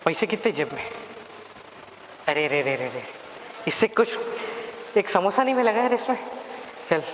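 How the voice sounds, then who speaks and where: A man's voice: sits high, big pitch swings, normal speed, slight background noise. A young man playing a gleeful scheming devil. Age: young adult. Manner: taunting, bossy, bursts into cackling laughs and shouts. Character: gleeful scheming male devil schooling his minions. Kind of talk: stage monologue. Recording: echoey hall, long reverb.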